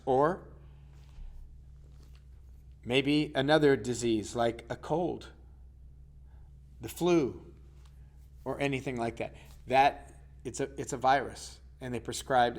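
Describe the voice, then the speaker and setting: A man, teaching a casual health lesson as a coach and putting questions to his listeners. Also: mid-range voice. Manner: chatty, asks the listener questions.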